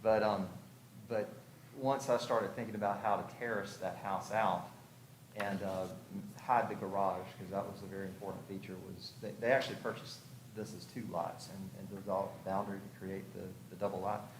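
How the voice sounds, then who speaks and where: A house designer speaks to a review commission at a public hearing in a low, steady voice at a moderate pace. His presentation is informal and explanatory, conversational, as though he's thinking aloud. The room is echoey, with clearly audible background noise.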